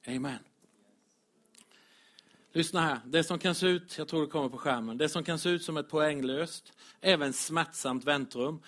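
A man preaching a lively, direct sermon as pastor to his congregation. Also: on the high side. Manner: animated, direct, addresses congregation, chuckles.

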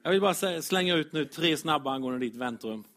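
A man preaching a lively, direct sermon as pastor to his congregation. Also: fairly high pitch. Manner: animated, direct, addresses congregation, chuckles.

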